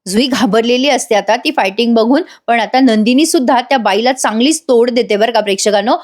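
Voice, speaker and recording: A woman's voice: fairly high pitch, fairly quick. Chatty woman recapping a serial. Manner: chatty, addresses viewers directly. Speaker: TV serial reviewer. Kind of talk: voice-over episode recap.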